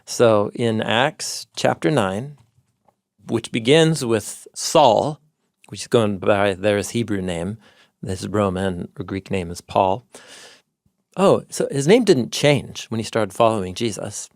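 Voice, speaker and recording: A man co-hosting a podcast in an eager, scholarly way, digging into ancient sources. His voice has a gravelly creak and an average pitch. The studio sound is close and dry. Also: slow pace, no echo. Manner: enthusiastic scholarly explaining, citing ancient sources. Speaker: podcast co-host, Bible teacher. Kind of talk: explanatory podcast conversation.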